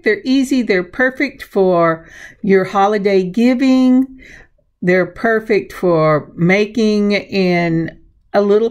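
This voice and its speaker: Slow-talking woman with a gravelly voice. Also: mid-range voice. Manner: chatty, unhurried, self-narrating. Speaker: craft tutorial host. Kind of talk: casual hands-on craft instruction.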